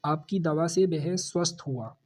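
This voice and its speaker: In a spelling lesson aimed at exam students, a man with a Hindi accent repeats each corrected word, his voice sinking low on the answer. He's a little slow and a little mellow.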